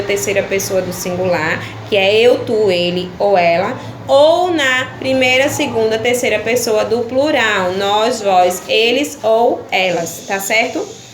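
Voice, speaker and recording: A woman teacher from Brazil patiently explaining primary-school workbook pages in a video lesson, checking in with her pupils after each point. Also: on the high side. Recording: echoey room with faint background noise.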